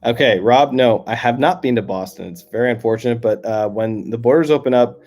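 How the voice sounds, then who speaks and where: Streaming live from beside a lake, a young man from Canada chats loosely and reads viewers' comments aloud in his Canadian accent. He speaks briskly in a medium-pitched, somewhat dark voice, rambling, leaning on fillers and often starting over.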